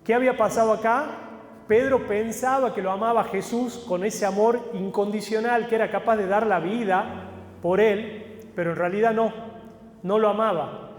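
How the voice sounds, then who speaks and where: A man's voice: high voice, fairly even intonation, moderate pace. A man preaching a sermon in a church hall, explaining a passage step by step and putting questions to the congregation. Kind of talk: sermon with Bible reading. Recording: echoey hall with faint music.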